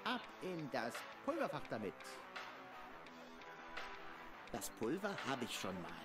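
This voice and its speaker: A man's voice: medium pitch, wildly swooping pitch, normal speed. A man voicing a cocky, casual young hero in an adventure video game, with a flippant manner. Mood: matter-of-fact. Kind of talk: video game character acting. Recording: music behind the voice.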